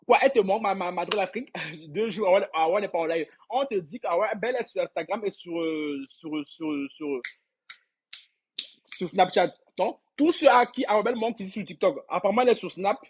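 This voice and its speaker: A man with a high, slightly breathy voice hosts a casual gossip livestream, reading viewer comments aloud. He rambles, repeats words and laughs a lot while speaking directly to his audience.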